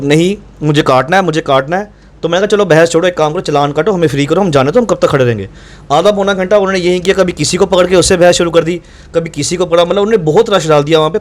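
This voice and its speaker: Brief: young adult man, rapid and insistent account, voice on the higher side, reenacts the argument. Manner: fast, insistent, reenacts dialogue. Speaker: doctor recounting incident to reporter. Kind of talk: animated first-person account.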